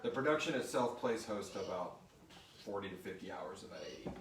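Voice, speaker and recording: A brisk, animated man with a fairly low voice hosts an informal live Q&A peppered with jokes, reading questions and chatting through answers as a podcast creator. The setting is a room with a group on a live stream. It's captured with a distant mic, so it sounds roomy and noisy.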